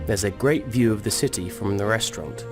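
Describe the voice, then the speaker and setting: Low-voiced male lesson narrator. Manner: clear and deliberate. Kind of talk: slow scripted narration, each sentence repeated. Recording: narration over loud music.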